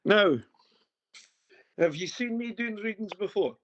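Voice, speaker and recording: A Scottish man with a broad accent works as a spirit medium, giving a private one-to-one reading full of casual chat and some banter. His voice sits high, a little slow and a bit bright, in a dry recording with a dull, muffled lo-fi sound.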